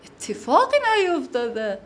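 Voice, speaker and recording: High-voiced woman teaching old poetry. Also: very animated, slight background noise. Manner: acts out little scenes with quoted voices, swinging between hushed and loud; recites verse slowly and carefully. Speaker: teacher explaining Persian poetry. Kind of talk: lecture on classic verse with everyday examples.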